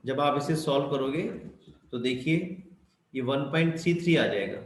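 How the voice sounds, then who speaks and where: A man's voice: mid-range voice, moderate pace, a little hiss or hum. A man teaching chemistry, who asks his students questions and answers them himself, with English terms mixed into his Hindi. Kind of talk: explanatory lesson. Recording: echoey room with faint ambience.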